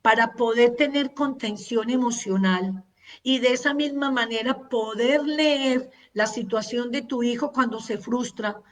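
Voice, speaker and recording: A woman runs a parenting masterclass, speaking slowly and deliberately in a teaching voice pitched a little high. Earnest, she repeats words for emphasis while going through long lists, and she sounds distant from the microphone.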